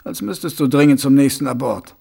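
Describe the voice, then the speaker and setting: A man doing a gruff, weary watch sergeant. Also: mid-range voice, a little fast, a little mellow. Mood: stern. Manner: curt, stiff, dry. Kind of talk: audiobook character voice.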